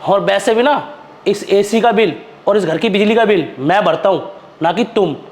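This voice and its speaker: A steady husband who sternly sets his wife straight and tells her to respect others, played by a man. His voice runs high for a man. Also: moderate pace, lightly acted. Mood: lecturing. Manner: firm, lecturing. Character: calm, firm husband. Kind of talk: amateur web drama acting.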